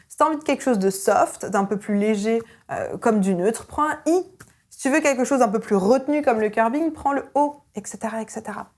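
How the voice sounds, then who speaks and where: A young adult woman teaching an online singing lesson as a vocal coach, energetic and emphatic. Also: fairly high pitch. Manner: energetic and emphatic, with sung vowel demonstrations.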